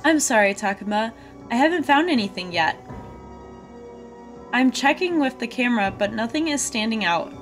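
A woman's voice: fairly high pitch, animated, moderate pace, long pauses, lightly acted. Woman voicing an earnest, anxious anime girl. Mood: worried, earnest. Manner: earnest, apologetic. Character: gentle, anxious young woman, anime game character. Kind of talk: reading visual novel dialogue aloud. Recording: game music behind the voice.

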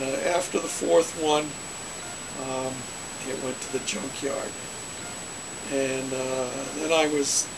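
Gravelly older man telling car stories. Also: fairly high pitch. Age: 60s. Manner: rambling, folksy, many uh fillers. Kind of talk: casual storytelling to camera. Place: small cluttered home den. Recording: hissy webcam recording.

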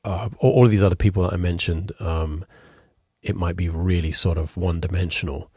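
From his home music studio, a man in his thirties with a stuffy, congested voice hosts a casual solo podcast while piano he's playing sounds behind him. He sits low in pitch, fairly even, fairly quick, a little mellow and husky, with no echo. Wearing headphones at a boom-arm studio mic, he rambles frankly and corrects himself along the way.

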